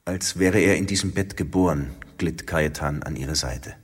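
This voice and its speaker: A man reading a story aloud in a calm, measured narration. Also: very deep voice, husky, long reverb tail. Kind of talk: scripted narration.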